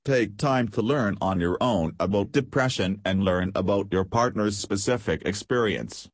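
A man reading scripted advice as a steady, numbered list. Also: fairly low pitch, normal speed, dry recording. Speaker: narrator. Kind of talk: scripted narration.

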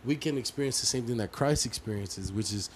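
A man's voice: medium pitch, a little fast, slight background noise. A man co-hosting a faith podcast, talking earnestly and building emphatic repeated lists like a sermon. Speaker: podcast co-host.

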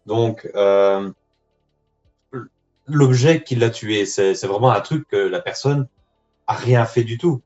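A man's voice: lowish voice, slow pace, pauses often, darkish tone, soft background music. Man heard over a dull phone line. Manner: hesitant, thinks aloud with many fillers. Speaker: co-host guessing in a radio game. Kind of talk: casual live web-radio banter. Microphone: phone lying on his lap, away from his mouth.

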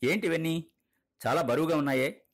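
A man voicing a kind, gentle male schoolteacher who questions a child softly, in a husky voice. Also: fairly high pitch, moderate pace, voice pushed up, natural voice.

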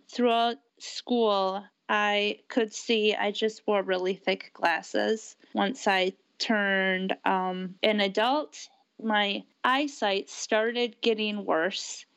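A woman in her thirties co-hosting a podcast, explaining things about herself in a measured, unhurried way. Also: medium pitch, gravelly, a bit bright, smooth, no room sound. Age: 30s. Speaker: podcast co-host. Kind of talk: casual personal account.

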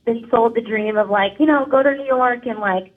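Excited young woman calling in by phone. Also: a little high, normal speed. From Connecticut. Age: 20s. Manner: excited, rambling with fillers. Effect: over the phone. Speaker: caller. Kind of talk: casual call-in question. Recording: tinny phone line.

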